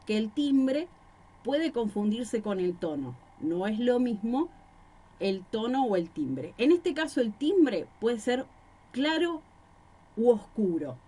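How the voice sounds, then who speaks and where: A woman's voice: fairly high pitch, big pitch swings, slow, warm tone, breathy edge. A woman teacher with a Rosario Argentine accent, explaining a recorded class lesson with examples and rhetorical questions, speaking into a microphone in a small room. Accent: Rosario Argentine Spanish.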